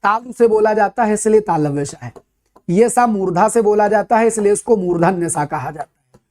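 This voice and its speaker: A man teaching a Hindi grammar lesson for exam students, chatty, calling his students brother and slowly repeating sounds to demonstrate them. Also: high-pitched, lively intonation, darkish tone. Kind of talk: classroom lesson for competitive exams.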